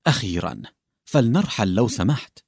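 A man's voice: lowish voice, big pitch swings, brisk, creaky, a little mellow, slightly rough, dry recording, full character voice. A man voicing a desperate husband who begs a doctor for help, imploring and emotional, in a dry close recording. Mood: pleading. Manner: imploring, emotional, trembling with urgency.

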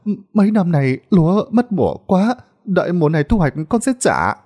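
A man's voice: high voice, very animated, fairly quick, warm tone, pitched above the performer's own voice. A man voicing a timid middle-aged peasant woman in a storybook tale, stammering and begging. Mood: pleading.

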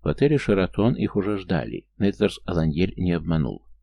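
A male audiobook narrator with a deep, gravelly voice. His tone is dark and mellow. He reads the story in a measured, steady way. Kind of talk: scripted narration.

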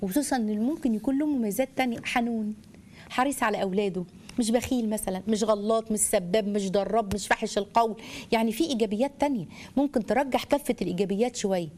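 A woman with an Egyptian Arabic accent delivers a religious lecture to wives, talking at a brisk clip. Her voice sits a little high. She keeps it animated, firing rhetorical questions and calling her listeners her daughters. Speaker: Islamic family lecturer.

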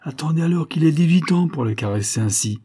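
A man voicing an anxious, cunning country bonesetter who speaks in hushed, confiding whispers. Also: fairly low pitch, moderate pace, breathy edge. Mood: wary.

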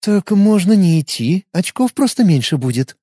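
A man's voice: high voice, sing-song, dark tone, dry recording, studio quality, voice pushed up. A man narrating an audiobook and voicing a composed, teasing young elf woman. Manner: measured and sardonic.

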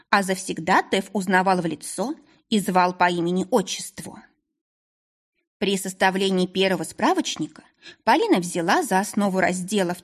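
A woman narrates an audiobook in an even, storytelling voice. Her tone is husky and a little breathy, sitting at a mid pitch. She reads steadily, without hurry. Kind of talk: scripted narration.

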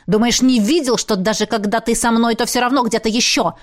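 A woman's voice: medium pitch, expressive, fairly quick, natural voice. A woman voicing a jealous, hot-tempered young male student in an audiobook, pleading and hurling accusations. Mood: jealous, angry. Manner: pleading then shouting accusations.

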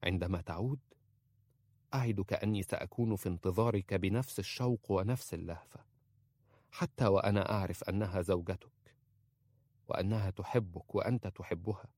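Guy reading an impulsive young princess begging forgiveness, soft and pleading, dry close sound. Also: low-pitched, a little fast, pauses often, dry recording.

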